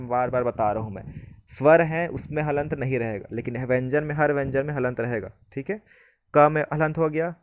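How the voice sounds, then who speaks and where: A man teaching a Hindi grammar lesson, explaining step by step and often asking whether it is clear. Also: mid-range voice, no room sound.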